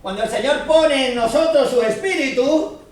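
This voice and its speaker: High-voiced preacher, echoey hall. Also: male voice, moderate pace. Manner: earnest teaching, checks the listeners often understand. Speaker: Bible teacher. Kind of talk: Bible teaching to a congregation. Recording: very echoey room, distant mic.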